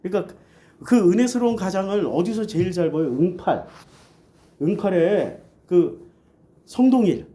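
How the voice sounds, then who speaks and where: A woman's voice: on the low side, expressive, unhurried, long pauses, dark tone. A woman pastor preaching a sermon in blunt, earthy speech, asking rhetorical questions and answering them herself. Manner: blunt, colloquial and earthy wording.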